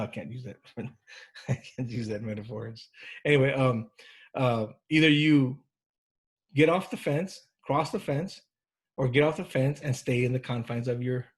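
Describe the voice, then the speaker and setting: A man with a husky, slightly breathy voice teaches a counseling class in an informal, conversational way. He often checks in with his students and restarts his sentences as he thinks aloud. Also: mid-range voice. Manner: informal, with frequent restarts and fillers. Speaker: counseling instructor. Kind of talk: classroom lecture.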